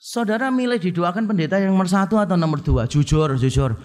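Man with a high voice giving a sermon, casual and joking, mimics other people's prayers. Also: fast talker, a little mellow. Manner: conversational and humorous, acting out quoted prayers. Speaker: pastor.

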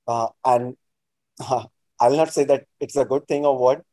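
A man's voice: medium pitch, fairly even intonation, moderate pace, warm tone, no room sound. North Indian man, hesitant interview guest. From New Delhi, India. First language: Hindi. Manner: hesitant, repetitive phrasing with frequent "like". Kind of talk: casual interview talk.

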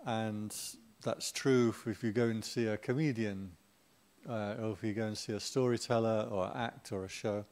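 Relaxed, joking man giving a Dharma talk. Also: on the low side, moderate pace. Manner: chatty and humorous, with playful asides to the audience. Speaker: Buddhist Dharma teacher.

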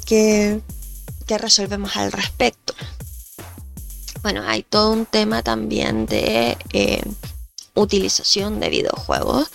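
This podcast host and researcher talks in a gravelly, medium-pitched voice made nasal by allergies. Her explanations are thoughtful, peppered with fillers and restarts.

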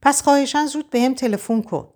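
A woman reading as a playful, teasing young friend in a storybook. The voice is pitched up and bright with curiosity. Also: close to an everyday voice.

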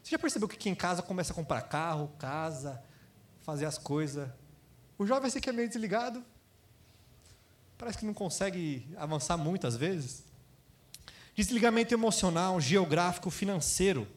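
A man with a Brazilian Portuguese accent preaching a sermon, lively, acting out quoted voices and asking his congregation questions. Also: sits high, normal speed, pauses often. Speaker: pastor.

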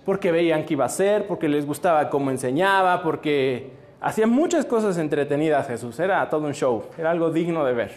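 High-voiced playful preacher man. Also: expressive, brisk. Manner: playful, joking, quizzes the children. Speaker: children's preacher. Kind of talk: storytelling sermon for children.

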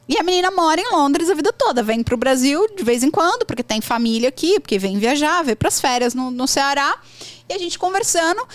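A woman's voice: on the high side, dry recording. A Brazilian woman with a Brazilian accent, telling stories and giving advice on learning English in an emphatic, repetitive way. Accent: Brazilian Portuguese. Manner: animated storytelling with emphatic repetitions. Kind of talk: casual conversational advice.

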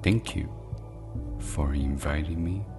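Music plays in the background as a man with a low, rumbling voice leads a guided sleep meditation. He speaks softly and soothingly in a hushed ASMR manner, with long pauses and near-whispered lines.

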